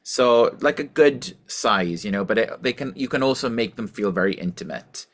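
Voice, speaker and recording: A man with a softened Welsh accent talks easily in an interview, rambling a little with fillers and self-deprecating asides. His voice sits fairly low. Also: lively intonation, moderate pace. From Wales. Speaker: musician guest. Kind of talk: casual interview chat.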